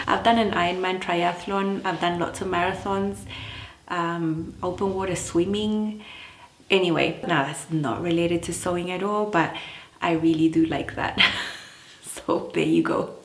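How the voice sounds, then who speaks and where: A woman's voice: fairly low pitch, a little hiss or hum. A woman from Chile, a sewing vlogger chatting casually to camera and laughing often between points. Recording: echoey room.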